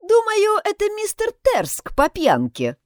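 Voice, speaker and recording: A woman's voice: very high-pitched, huge pitch swings, slow, no echo, clean studio sound, pitched above the performer's own voice, full character voice. A woman voicing a brash, mocking young housemaid in an audiobook.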